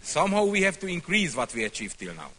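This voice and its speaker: A man from Hungary, giving a speech to a congress in short phrases with pauses for an interpreter. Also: a little high, wildly swooping pitch, bright, forceful tone. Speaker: congress speaker.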